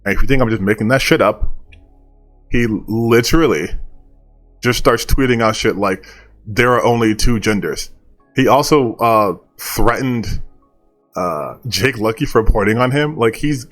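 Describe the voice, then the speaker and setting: A man's voice: mid-range voice, normal speed, a bit bright, soft background music. A male online commentator talking casually and bluntly, dismissive and opinionated, with some casual swearing.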